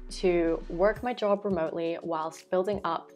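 Young female vlogger, low-pitched, earnest and reflective, some fillers; home room, faint music bed. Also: fairly even intonation, measured pace, darkish tone. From Belgium. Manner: earnest, thoughtful, with filler words and self-corrections. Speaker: vlogger and life coach. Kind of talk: reflective talking-head vlog. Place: small room indoors at home. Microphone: fixed camera, framed chest-up.

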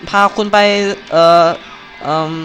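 A man's voice: a little slow, a bit bright, highs cut off, soft background music. A young man hosting a live Let's Play, chatty and playful, joking and exclaiming as he plays. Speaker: gaming channel host. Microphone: home mic, recorded live over gameplay.

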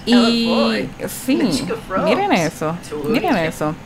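A woman giving casual, chatty commentary over her gameplay, reacting with animated exclamations. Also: a little high, takes it slowly, a loud crowd. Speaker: gaming channel host.

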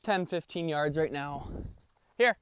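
A man's voice: fairly high pitch, a little slow, fairly bright tone, clear, resonant tone, no echo. A young man vlogging outdoors in a park as he trains his puppy, switching between casual talk to viewers and upbeat praise and commands for the dog.

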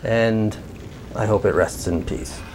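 A man's voice: on the low side, takes it slowly, darkish tone, a little hiss or hum, low-quality recording. A man co-hosting in casual, joking conversation. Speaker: co-host.

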